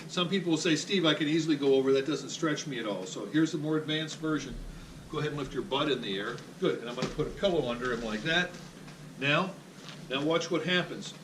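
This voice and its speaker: A man's voice: fairly high pitch, a little hiss or hum. Upbeat joking man coaching exercises. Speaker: physical therapist. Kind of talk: exercise demonstration. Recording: echoey room, voice from a distance.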